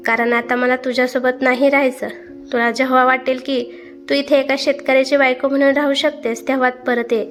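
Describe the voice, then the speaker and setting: A woman's voice: sits high, flat delivery, fairly quick, faint music behind, close to an everyday voice. A woman voicing a hardworking young farmer husband who scolds his wife sharply, in a storybook reading. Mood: angry. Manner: stern and scolding.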